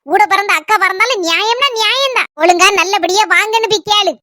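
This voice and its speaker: Stern younger sister with a Kanyakumari accent, high, fast and insistent, as a woman puts her on. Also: bright, forceful tone, no echo, studio quality. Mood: scolding. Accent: Kanyakumari Tamil. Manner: scolding, insistent. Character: younger sister, firm, lecturing on manners.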